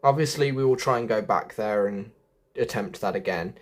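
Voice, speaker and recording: Speaking at a moderate pace in a lowish voice, a man offers easygoing commentary on a video game. He talks viewers through it conversationally, often musing out loud as he goes.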